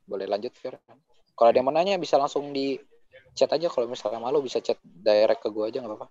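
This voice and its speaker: A man's voice: medium pitch, fast talker, warm tone. A young man teaching assistant casually adding tips and inviting questions in an online coding tutorial. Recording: dry, dull lo-fi mic.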